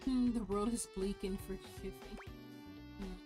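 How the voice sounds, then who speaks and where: A woman's voice: mid-range voice, steady tone, a little slow, mellow. A woman giving casual gameplay commentary, thinking aloud to herself as she plays. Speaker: game streamer. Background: game music.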